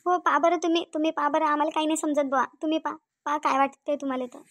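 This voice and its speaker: A woman's voice: high-pitched, level tone, very fast, fairly bright tone. A woman voicing a fussy middle-aged village mother with a Varhadi Marathi accent, who talks repetitively and keeps adding tag questions. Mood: urging.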